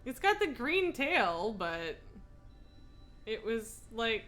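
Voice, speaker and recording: Over faint background music, a streamer and host chats casually during a video game livestream, speaking slowly in a somewhat high, sing-song, slightly bright voice. She thinks aloud, bounces between thoughts and uses self-deprecating humor.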